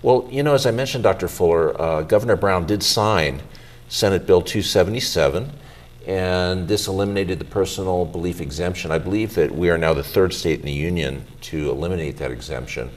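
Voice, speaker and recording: A middle-aged physician with a low-pitched voice hosts a health show, interviewing a guest in a measured, formal presenting style.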